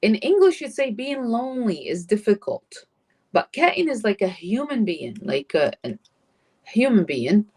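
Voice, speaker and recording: Woman teaching arabic online, slow and patient, reads out examples. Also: mid-range voice, big pitch swings, a little mellow, husky. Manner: patient, explains slowly, mixes English and Arabic. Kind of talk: live online Arabic lesson. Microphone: computer mic on a live stream.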